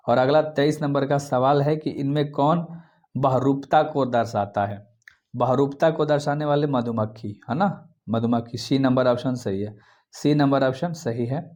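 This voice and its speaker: Bihari hindi guy teaching exam answers fast, warm mellow voice, says everything twice. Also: medium pitch. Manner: fast, repetitive, coaxing students. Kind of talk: exam question walkthrough.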